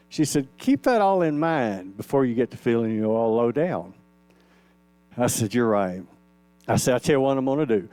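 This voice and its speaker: A man's voice: mid-range voice, darkish tone, clear, resonant tone, no echo. A man in his sixties preaching a sermon in a folksy, conversational way, telling personal stories and acting out the dialogue. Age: 60s. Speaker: minister. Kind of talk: storytelling sermon. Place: church sanctuary.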